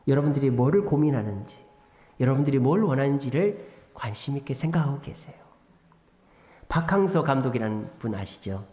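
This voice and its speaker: A male pastor preaching a sermon, emphatic, swinging between loud exhortation and hushed asides. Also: medium pitch. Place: church sanctuary. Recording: echoey church hall with long reverb.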